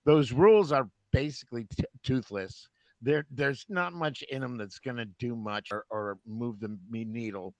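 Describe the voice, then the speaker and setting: A man's voice: mid-range voice, moderate pace, dry recording. A man on a casual group voice call, explaining a theory in a skeptical tone.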